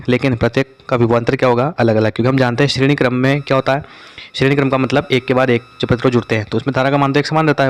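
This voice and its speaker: Fast-talking male teacher with a clear voice. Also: mid-range voice. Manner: quizzes listeners and repeats answers. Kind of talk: exam revision lesson.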